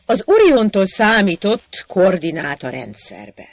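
A man narrating short comic sketches and dropping terse stage directions between the lines. His pitch sits high for a man and moves about a lot. The sound is close and dry, with no room echo. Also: huge pitch swings.

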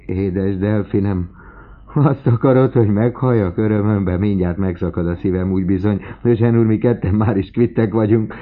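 A man voicing an elderly doting father, effusive, loud and emotional, in an audiobook reading. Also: extremely low pitch, fairly even intonation. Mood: overjoyed. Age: older. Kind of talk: audiobook character voice. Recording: tinny phone-like lo-fi recording.

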